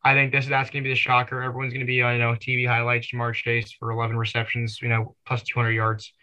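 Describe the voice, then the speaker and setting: Bright-voiced co-host rambling about football. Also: male voice, medium pitch, completely flat delivery, fast talker, dull audio. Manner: rambling, full of "you know" fillers. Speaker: podcast co-host. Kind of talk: casual sports talk.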